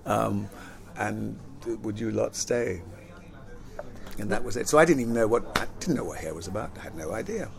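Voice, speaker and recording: Reminiscing during a relaxed interview, an older man who was born in Jamaica and grew up in London, an actor and singer, rambles and repeats words, often breaking into laughter. His fairly low voice has vocal fry and moves at normal speed.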